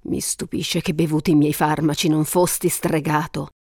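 A woman voicing the enchantress goddess Circe, speaking softly in a hushed, coaxing way. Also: deep voice, flat delivery, normal speed, slightly rough, no room sound, clean studio sound, voice pushed down. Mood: astonished. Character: female enchantress goddess, seductive and cunning.

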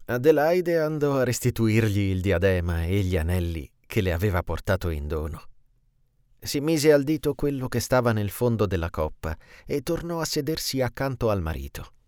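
Man, storyteller, low voice, very lively intonation, dry close sound. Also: normal speed, clear, resonant tone, no room sound. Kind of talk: reading a classic tale aloud.

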